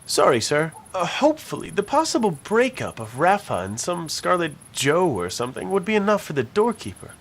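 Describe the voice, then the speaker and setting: A man's voice: high-pitched, huge pitch swings, brisk, hardly any pauses, fairly bright tone, exaggerated voice. A man voicing a wry young male detective in a game, full of dry, sarcastic asides. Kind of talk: game voice acting.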